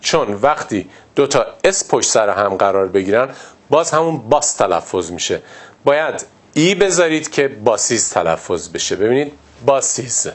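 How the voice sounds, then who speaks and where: Male teacher, animated intonation, patient step-by-step explanations. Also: medium pitch. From Iran. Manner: explains step by step, repeats example words slowly. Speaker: English teacher. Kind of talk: classroom lesson on pronunciation.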